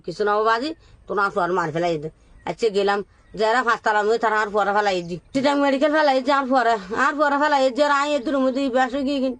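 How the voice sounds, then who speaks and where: A woman's voice: a little high, dry recording. A woman with a Chittagong accent gives plaintive, unscripted testimony as a bereaved mother, repeating her phrases. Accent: Chittagong, Bangladesh. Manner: repetitive, plaintive. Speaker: bereaved mother being interviewed.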